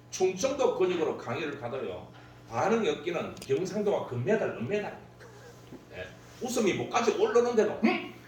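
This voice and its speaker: Lively, jokey lecturer in an echoey hall. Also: male voice, sits high. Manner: jokey, laughs at own stories, lively delivery. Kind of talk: humorous workshop lecture. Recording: very echoey hall, distant mic, faint hum.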